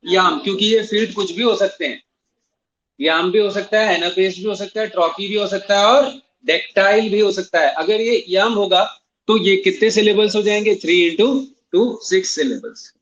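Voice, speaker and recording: A high-pitched man speaking at normal speed, his tone fairly bright, works through exam questions in an English literature class with students present and an online stream. Mixing Hindi and English, he spells words out and repeats key points. The audio sounds dull.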